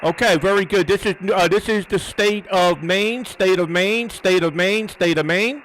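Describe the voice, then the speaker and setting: High-pitched man operating ham radio over static. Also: moderate pace, fairly bright tone, poor audio. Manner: repeats words and call signs methodically. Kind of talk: live radio contact and antenna test commentary.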